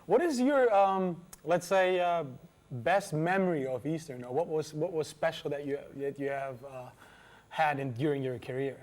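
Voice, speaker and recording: A man's voice: on the high side, normal speed, a little mellow. A man hosting a student TV magazine, chatty, interviewing a guest and introducing items, with stumbling restarts. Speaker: host and interviewer.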